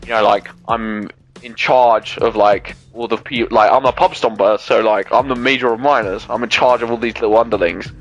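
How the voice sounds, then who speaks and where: A man's voice: fairly low pitch, moderate pace, dull audio, faint music behind. Young man ranting casually, swearing. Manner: rambling, animated rants with lots of swearing and "like". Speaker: gaming channel host. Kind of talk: casual chat over gameplay.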